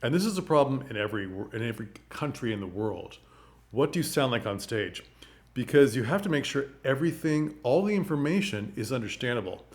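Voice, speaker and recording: A man talks to camera into a microphone, emphatic and expressive, leaning hard on key words. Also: medium pitch, fairly quick. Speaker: vlogger and performing arts commentator. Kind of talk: casual talk to camera.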